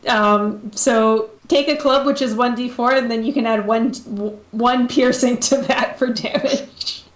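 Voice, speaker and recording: Slow, laughing woman game master. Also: a little high, steady tone. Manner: unhurried, with frequent ums and laughter. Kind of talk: narrating a tabletop game. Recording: echoey room.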